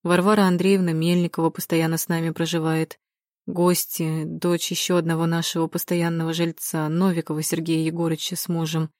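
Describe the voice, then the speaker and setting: A composed middle-aged family head, read by a woman narrator, going through the list in an even, matter-of-fact tone. The voice sits low and close, with a dry storybook sound. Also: a little fast, no echo, close to an everyday voice.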